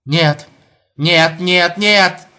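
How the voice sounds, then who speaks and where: A man's voice: high-pitched, drawn-out words, sharp tone, pitched above the performer's own voice, heavily acted. A man voicing a distraught middle-aged mother who pleads and repeats herself. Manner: pleading, repetitive.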